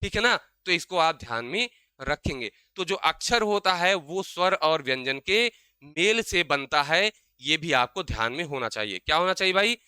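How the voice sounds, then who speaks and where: A young man teaching an exam-prep grammar lesson. He keeps asking his own questions and answering them, and he slows down to spell out sounds. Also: on the high side, expressive, pushed and bright, clear, resonant tone, dry recording.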